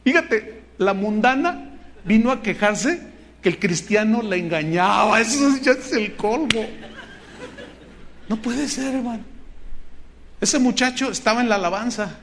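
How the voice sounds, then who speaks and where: Man, Mexican Spanish accent, pastor, sermon, high voice, earnest storytelling. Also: unhurried, long pauses. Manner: earnest, animated storytelling with acted quotes. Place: church hall with congregation.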